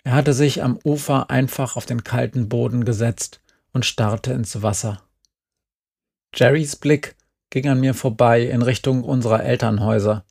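A man reading a novel aloud in calm, subdued narration. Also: medium pitch, moderate pace, creaky, husky. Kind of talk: scripted audiobook narration.

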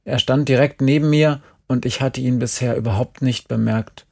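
A man narrating a story in the first person in a calm, measured storytelling manner. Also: medium pitch, creaky. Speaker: audiobook narrator.

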